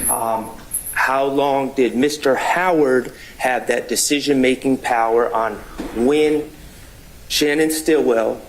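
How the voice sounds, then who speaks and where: Male trial attorney, middle register, deliberate courtroom questioning, slightly noisy room recording. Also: medium pitch. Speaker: defense attorney.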